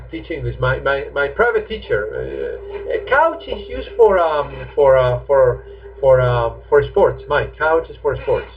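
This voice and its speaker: This man in his fifties teaches English in a live online class, fielding student questions with lots of chat and jokes. His pitch is medium, and the tinny, phone-like stream carries a bit of hiss or hum.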